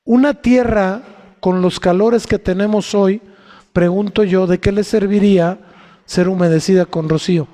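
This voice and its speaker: A man's voice: sits high, steady tone, normal speed, mellow. A man with a Mexican accent preaching a sermon in a conversational way, often asking the congregation questions. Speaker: pastor. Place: church hall. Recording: long church hall reverb.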